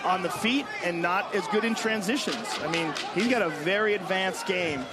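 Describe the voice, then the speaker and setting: Excitable high-voiced male fight commentator. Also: normal speed, heavy background noise. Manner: excitable, emphatic, colloquial. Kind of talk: live MMA commentary. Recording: loud arena crowd behind commentators.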